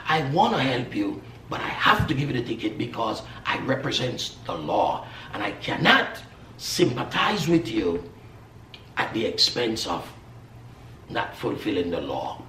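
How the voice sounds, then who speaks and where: A man's voice: medium pitch, huge pitch swings, measured pace, pushed and bright, exaggerated voice. A man voicing a stern but kind male traffic cop who explains firmly that he must uphold the law. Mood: regretful. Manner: firm, explaining the rules. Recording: echoey room, distant mic.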